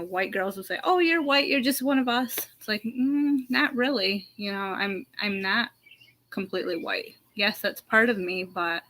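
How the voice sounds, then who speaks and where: A woman's voice: medium pitch, sharp tone. A young adult American woman telling a personal story in a reflective, hesitant way, with frequent ums and restarts. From United States. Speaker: panel speaker.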